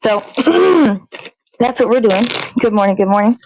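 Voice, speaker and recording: Expressive and unhurried, a slightly high, slightly mellow female voice comes from an American morning-show host cooking at home in her kitchen. She rambles and swears in an easygoing, chatty way. The rough recording carries a little hiss or hum.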